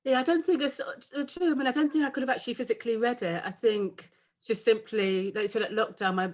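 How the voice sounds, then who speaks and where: A woman's voice: a little high, steady tone, fast. Chatty woman with a London accent. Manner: chatty, laughs often, trails off mid-sentence. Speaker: author guest. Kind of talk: casual interview chat.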